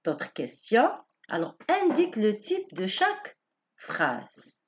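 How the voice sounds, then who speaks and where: At an unhurried pace, a woman teacher works through a grammar lesson in a mid-range voice whose intonation rises and falls lively. Patient by nature, she explains slowly and restates each point in different words. The audio is dull and lo-fi.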